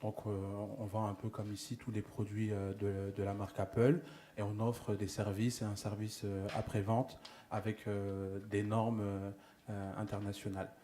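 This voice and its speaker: A man from France, an entrepreneur, speaking hesitantly with many pauses and fillers at a forum. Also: on the low side, level tone, dark tone, slight background noise. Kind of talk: testimony at a forum.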